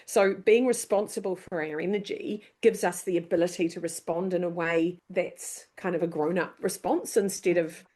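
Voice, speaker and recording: A woman's voice: fairly low pitch, normal speed, few pauses. A woman in her fifties, a leadership speaker, chatting as an interview guest and acting out quotes as she tells stories. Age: 50s. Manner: animated storyteller acting out quoted voices. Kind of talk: casual interview chat.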